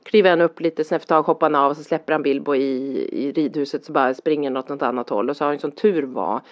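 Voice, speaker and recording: Woman, low voice, middle-aged, casual rambling chat, acts out quotes, dull lo-fi sound. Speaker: parent telling a story.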